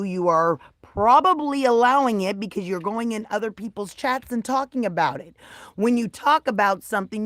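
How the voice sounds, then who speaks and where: A woman chatting casually with her live-stream viewers, swinging from soft mutters to loud, excited, swearing bursts. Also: mid-range voice, no echo, studio quality.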